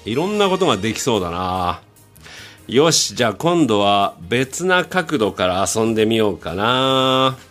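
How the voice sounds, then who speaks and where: Guy arguing with his ai, rough snappy comebacks, pitch all over the place, bit of music behind. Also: big pitch swings, measured pace, fairly bright tone. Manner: exasperated rough retorts. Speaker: comedian talking to an AI assistant. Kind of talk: comedic banter.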